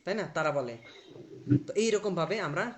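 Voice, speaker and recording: A man's voice: high-pitched, lively intonation, normal speed. A man teaching a live online language class, explaining patiently, drilling pronunciation and quizzing his student.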